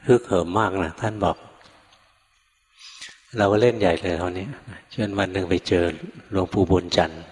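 พระชายสูงวัย เสียงทุ้ม เทศน์ในห้องโถงก้องกังวาน. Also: male voice, sits low, moderate pace, pauses often. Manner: relaxed anecdotal telling, acting out quoted lines, chuckling. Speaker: Buddhist monk teacher. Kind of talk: storytelling Dharma talk. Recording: long reverb from a hall.

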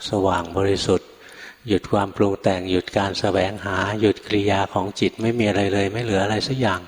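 พระชายสูงวัย เสียงทุ้ม เทศน์ในห้องโถงก้องกังวาน. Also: male voice, fairly low pitch. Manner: relaxed anecdotal telling, acting out quoted lines, chuckling. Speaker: Buddhist monk teacher. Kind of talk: storytelling Dharma talk. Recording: long reverb from a hall.

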